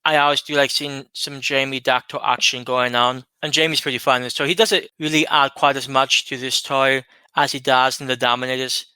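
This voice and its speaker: Clear, measured male co-host. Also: mid-range voice, level tone, sharp tone, dry recording. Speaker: podcast co-host. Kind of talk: casual chat.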